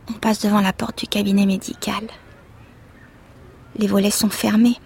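Village gossip, half-whispered, gravelly, mellow, radio drama. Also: female voice, a little high, a little hiss or hum. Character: chatty village woman talking to the doctor.

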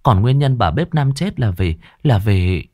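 A man voicing a timid young female servant in a ghost story, soft-spoken and hesitant. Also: fairly low pitch, animated, a little slow, no echo, clean studio sound.

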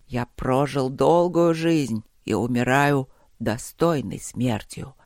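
A frail old emperor lies dying in a storybook battle, voiced by a man. His voice sinks low and slow into a breathy whisper. He stays tender and resigned, and the recording is dry and close. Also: no room sound. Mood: weak, tender.

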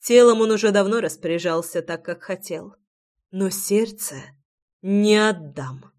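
A woman's voice: medium pitch, normal speed, a little mellow. A woman reading a first-person romance audiobook in an intimate, reflective way. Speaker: audiobook narrator.

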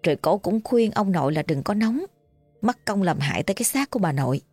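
A woman's voice: medium pitch, animated, quick pace, a little mellow, slightly rough, no room sound, soft background music. A woman with a Southern Vietnamese accent telling a ghost story in a chatty, folksy way, full of fillers.

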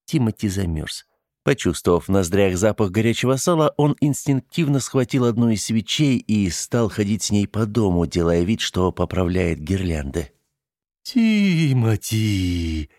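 Narrating an audiobook, a man tells the story in a measured way. His voice is on the low side and slightly mellow, captured as a dry recording with clean studio sound.

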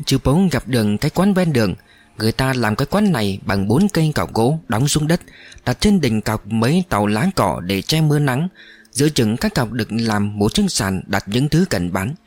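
A man narrates a story with dramatic expression. His pitch moves widely through each sentence. The recording is close and dry with no room sound. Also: no echo.

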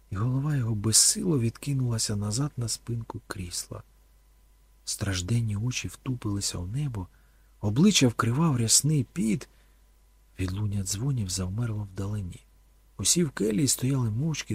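A man's voice: on the low side, vocal fry, a little mellow, breathy edge, dry recording. A man narrating an audiobook in a dramatic, storytelling manner.

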